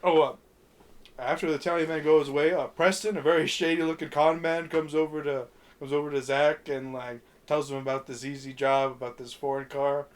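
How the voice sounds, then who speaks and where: A man's voice: fairly high pitch, flat delivery, a little fast. A man hosting a podcast, casually recapping a movie from his notes, rambling with fillers and restarts. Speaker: podcast host.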